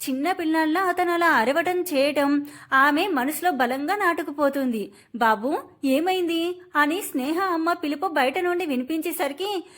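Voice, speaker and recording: A woman narrating a romantic family story in an emotive, expressive storytelling manner. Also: high voice, moderate pace.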